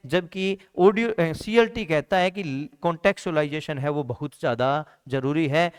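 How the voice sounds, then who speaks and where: High, smooth-voiced male teacher. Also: moderate pace. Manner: explains by asking and answering his own questions, repeats points; calls students "beta" in a warm teacher's tone. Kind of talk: exam-prep lecture.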